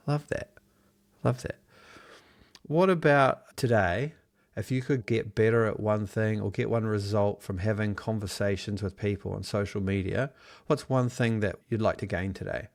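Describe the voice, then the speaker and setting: Heard over a video call, a New Zealand man who works as an online business trainer teaches a live Zoom workshop, upbeat and encouraging as he reads out chat replies and answers them. His voice sits fairly low, with fairly even intonation and a moderate pace.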